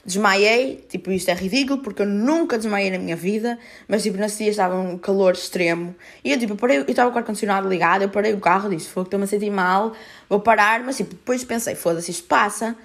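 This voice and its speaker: Young Portuguese woman telling a story. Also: mid-range voice. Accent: European Portuguese. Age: 20s. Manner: rapid, filler-heavy, swears freely. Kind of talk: casual personal storytelling.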